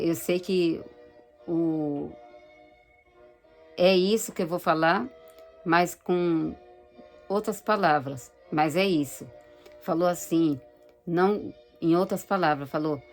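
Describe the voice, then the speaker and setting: A woman giving a personal religious testimony, speaking haltingly and searching for words. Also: low-pitched, a little mellow. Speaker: church member giving testimony.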